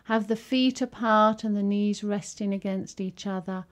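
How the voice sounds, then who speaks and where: A woman guiding a yoga and relaxation session, giving soft, soothing instructions with long pauses between phrases. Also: mid-range voice, steady tone. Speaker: yoga teacher.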